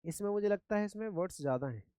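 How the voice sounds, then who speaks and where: A man's voice: high-pitched, lively intonation, racing, dark tone, clean tone, no echo. A man from India teaching English vocabulary in Hindi, who repeats each word and gives memory tricks. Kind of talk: vocabulary lesson.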